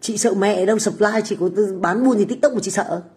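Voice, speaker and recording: A woman's voice: mid-range voice, fairly quick, darkish tone. Brash foul-mouthed woman. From Vietnam. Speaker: livestream host, food stall owner. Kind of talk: casual livestream chat with viewers. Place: home kitchen, abroad.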